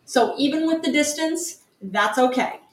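An upbeat, friendly woman co-hosts a call-in show and relays comments to the callers. Her voice sits a little high, and the recording has a roomy echo. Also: unhurried. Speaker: co-host. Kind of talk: casual call-in show hosting. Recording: echoey room.

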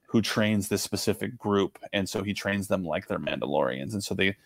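A man's voice: low voice, steady tone, moderate pace, creaky, no room sound. A man co-hosting a podcast, chatting casually and rambling with many fillers and restarts. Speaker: podcast co-host. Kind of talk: casual chat.

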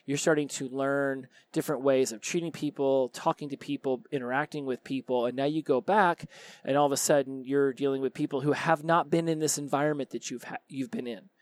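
A man's voice: medium pitch, no echo. A man hosting a solo podcast, talking casually to college students with plenty of ums and restarts. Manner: casual and conversational, frequent fillers and restarts. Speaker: podcast host.

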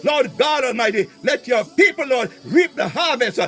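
A man leading a fervent prayer, piling up invocations, breaking into tongues and shouting at times. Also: extremely high pitch, sing-song. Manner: rapid repeated invocations, speaking in tongues, bursts of shouting. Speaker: prayer leader.

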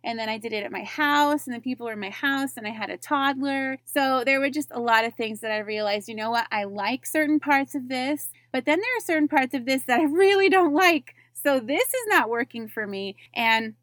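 A woman's voice: high voice, a little fast, hardly any pauses, a bit bright, no echo. A woman in her thirties telling her own career story in a chatty, candid way, often restarting phrases and laughing lightly. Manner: chatty, frequent self-corrections and little laughs. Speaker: network marketer. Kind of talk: personal story monologue.

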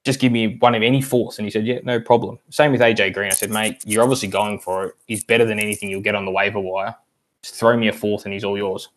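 A man's voice: lowish voice, little pitch movement, fast talker. A man in casual podcast chat, rambling through a long story with many ums. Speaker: league member guest.

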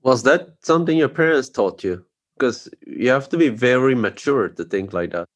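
Speaking at a moderate pace with lively intonation and a medium-pitched voice, a podcast host from Sweden carries on a casual interview. His questions are curious and meandering, dotted with "like" and "you know."

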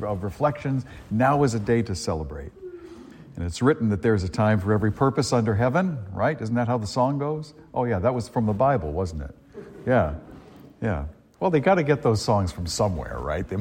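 A man's voice: fairly low pitch, darkish tone, breathy edge. A priest reading the gospel and giving a chatty Christmas homily, often repeating and restarting his phrases, his voice ringing in long church reverb. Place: large church.

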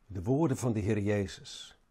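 Husky, mellow preacher. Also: male voice, on the low side. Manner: halting, repeats words, rises and falls in emphasis. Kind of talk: sermon.

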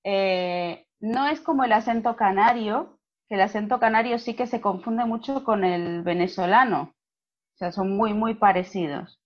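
A woman's voice: medium pitch, moderate pace. A woman from Buenos Aires with an Argentine accent, a Spanish teacher chatting at length as an interview guest, with many fillers. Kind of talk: casual interview chat. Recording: dull lo-fi audio.

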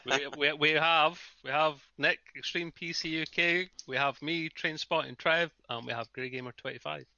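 A man's voice: on the high side, steady tone, moderate pace, creaky, sharp tone. A British man bantering as a livestream co-host in a jokey, teasing manner. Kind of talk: casual banter. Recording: slightly dull, lo-fi stream audio.

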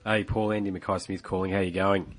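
A man with a fairly low voice and an Australian accent speaks as a podcast interviewer. His manner is blokey and informal, like a tradesman chatting to a mate, with plenty of local slang. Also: little pitch movement, brisk. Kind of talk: casual phone interview.

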